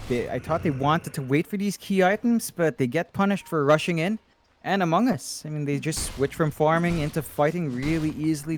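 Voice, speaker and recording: A man commentating an esports match, analytical and measured, with some fillers and restarts. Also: a little high, a little hiss or hum. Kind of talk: play-by-play commentary.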